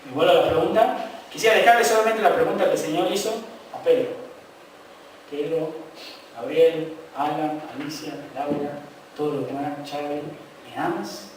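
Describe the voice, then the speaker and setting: A man's voice: a little high, normal speed, slight background noise. A man preaching a sermon as pastor in a Rioplatense Spanish accent, impassioned, with repeated refrains and frequent rhetorical "¿eh?" asides, recorded from a distance in a church. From Argentina. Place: church sanctuary. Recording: very echoey hall, mic far off.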